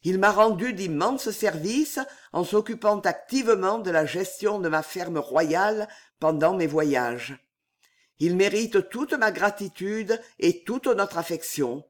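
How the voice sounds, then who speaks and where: Narrator doing older father figure, tender and coaxing, slow, lively lilt, storybook reading. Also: mid-range voice. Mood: earnest. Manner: pleading, reassuring. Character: aging fatherly financier, worried and tender. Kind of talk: audiobook character reading.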